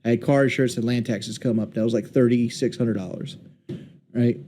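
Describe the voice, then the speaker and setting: A man in his late thirties in a casual voice chat, rambling candidly and haltingly. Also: mid-range voice, fairly even intonation, warm tone, a little hiss or hum. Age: 30s. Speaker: streamer.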